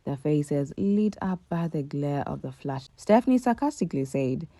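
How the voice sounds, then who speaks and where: Low, dark-voiced woman narrating commentary. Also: expressive, moderate pace, dry recording. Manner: emphatic, rhetorical questions. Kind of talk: scripted commentary voice-over.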